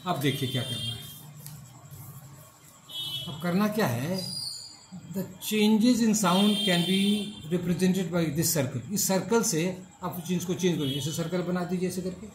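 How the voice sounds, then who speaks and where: A middle-aged male professor teaching in a classroom, his voice high and unhurried. He goes over each point again and keeps asking whether the class understands. The room is echoey, with faint ambience behind him. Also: darkish tone, slight background noise. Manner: repeats each point, asks the class if they follow. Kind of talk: classroom lecture.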